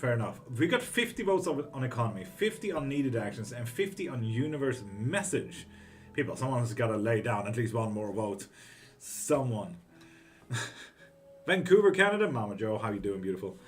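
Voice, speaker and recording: A Greek man with a mid-range voice hosts a live tarot stream, reading viewer comments aloud in a loose, chatty, profane way. He sounds relaxed and laughs quickly, with faint music in the background.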